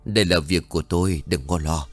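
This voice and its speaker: An old spirit medium woman in a spoken ghost story, calm and resolute, her words low and firm, as a male narrator puts her on. A faint music bed plays behind. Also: moderate pace, no echo, close to an everyday voice. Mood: grave.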